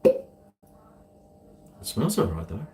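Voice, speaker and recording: Casual male streamer, broad Kiwi accent, unhurried laid-back rambling, recorded off-mic in an echoey room. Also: medium pitch, huge pitch swings, warm tone. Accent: New Zealand. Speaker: streamer chatting to viewers. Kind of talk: casual rambling chat to viewers. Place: indoors, home kitchen. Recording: echoey room, distant mic, faint noise.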